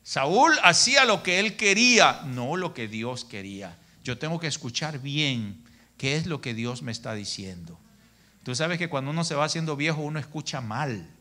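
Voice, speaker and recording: A middle-aged man preaching a sermon in a church, telling stories in an animated way and calling his listeners brother. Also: fairly high pitch, moderate pace. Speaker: pastor.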